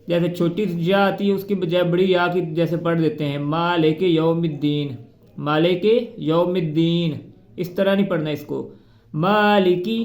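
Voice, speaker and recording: A man teaching a Quran reading lesson, spelling out letters and vowel marks slowly before reciting the words. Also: sits high, darkish tone, echoey room.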